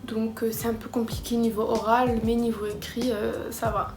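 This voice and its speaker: A young woman vlogger chatting casually to camera, self-mocking and excitable. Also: fairly high pitch, normal speed. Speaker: vlogger tracking her language learning. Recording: roomy echo with background music.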